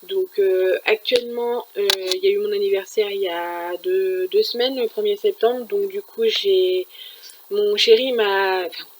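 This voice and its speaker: A woman chats at home about what she has been reading, her talk loose and full of little fillers and restarts. Her voice sits at an ordinary middle pitch. A faint background noise runs under the recording. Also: steady tone, measured pace. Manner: chatty, many fillers and restarts. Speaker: manga reviewer. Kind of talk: casual chat.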